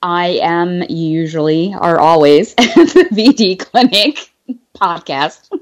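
A woman's voice: on the low side, slow. A woman guest on a podcast, chatting casually with laughs and many fillers. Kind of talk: casual chat.

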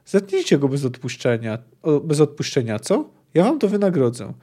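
A man's voice: a little high, sing-song, moderate pace, dark tone. A man reading aloud and voicing a mournful male court official who coaxes and pleads. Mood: coaxing. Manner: coaxing and pleading.

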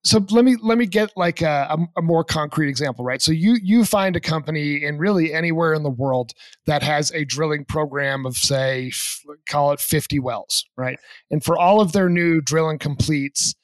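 A male podcast host with a fairly high voice, recorded dry and close. He cracks puns, repeats his jokes, and restates his guest's ideas in plain terms. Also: moderate pace, no room sound. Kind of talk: casual podcast interview.

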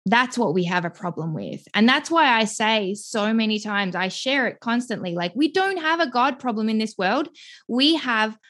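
A woman in her thirties with an Australian accent, from Melbourne, talking as a guest on a podcast in an effusive, animated way. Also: a little high, moderate pace. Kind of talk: podcast interview conversation.

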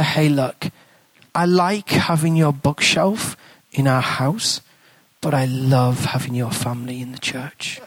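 A man with an English accent and a mid-range, slightly breathy voice preaches as a guest speaker, telling a story in a chatty, conversational style before dropping to a hushed whisper in prayer. The sermon is recorded with no echo but poor audio quality.

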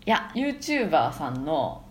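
A woman illustrator, a podcast guest, talking in a relaxed, musing way with soft fillers. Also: sits low, slow, a little hiss or hum. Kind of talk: casual podcast chat.

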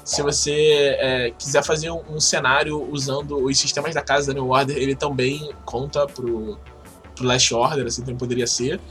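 A man with a Brazilian Portuguese accent talks casually as an interview guest, explaining things in a halting, informal way. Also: mid-range voice, little pitch movement, fairly bright tone, soft background music. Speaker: podcast guest, game project organizer.

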